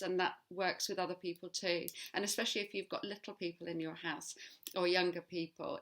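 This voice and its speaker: A woman with a fairly low voice co-presents a wellbeing lesson. She explains each tip thoughtfully and at length, pausing often on ums. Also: a bit bright.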